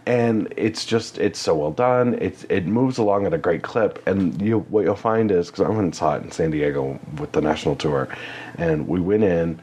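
A man's voice: sits low, moderate pace, darkish tone, slight background noise. A man chatting casually as a guest about a stage show, rambling with fillers and frequent laughs. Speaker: guest, community theater actor. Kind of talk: casual chat.

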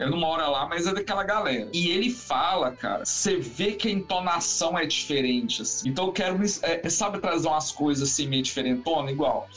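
Chatty man, rambling and animated. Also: fairly high pitch. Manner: rambling, animated, lots of fillers and restarts. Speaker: musician guest. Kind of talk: casual interview chat.

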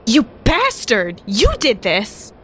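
Woman as defiant scientist, high voice, hugely animated, brash, comic story reading, faint noise. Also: takes it slowly, exaggerated voice. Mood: indignant. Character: defiant, indignant scientist hero, brash and confrontational.

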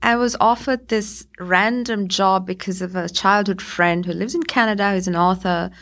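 A woman's voice: mid-range voice, vocal fry, a bit bright. A woman in her forties, originally from Sri Lanka, telling her career story as an interview guest in a chatty way with many fillers. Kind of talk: conversational interview.

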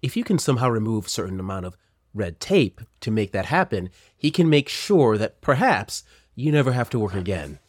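A man's voice: on the low side, big pitch swings, brisk, dry recording, studio quality. Man playing a polite, persuasive woman interpreter. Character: smooth, fawning female interpreter for a rich client. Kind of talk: tabletop role-play voice.

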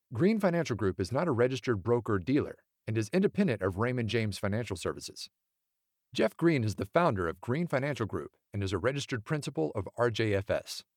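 A man's voice: medium pitch, dry recording, clean studio sound. A man narrating a scripted podcast outro and legal disclaimer as an announcer. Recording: music bed of plucked guitar. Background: guitar music.

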